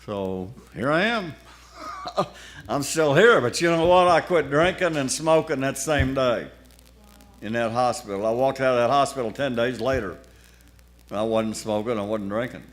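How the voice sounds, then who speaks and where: A man's voice: mid-range voice, lively intonation, normal speed. An older male pastor telling his own story from the pulpit. His talk is folksy and colloquial, with a wry, plainspoken turn. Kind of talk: sermon testimony storytelling.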